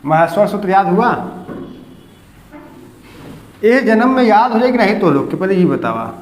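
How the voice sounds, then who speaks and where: A man's voice: high voice, expressive, moderate pace. A man teaching a classroom grammar lesson, repeatedly quizzing his students and correcting their pronunciation. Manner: drills students with repeated questions. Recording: echoey classroom with long reverb.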